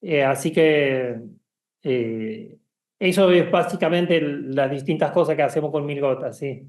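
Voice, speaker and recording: A man's voice: fairly high pitch, measured pace, darkish tone. A man from Argentina, talking casually as an interview guest, hesitant with many fillers and restarts. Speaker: guest, bookshop founder.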